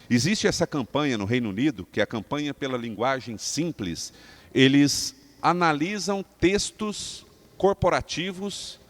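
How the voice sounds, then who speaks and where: A Brazilian man gives a live lesson on speaking to a group of leaders, his voice at an ordinary middle pitch. He talks with energy and emphasis, and keeps turning to the audience with questions. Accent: Brazilian Portuguese. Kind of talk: live talk to a seated audience. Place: training room with a live audience.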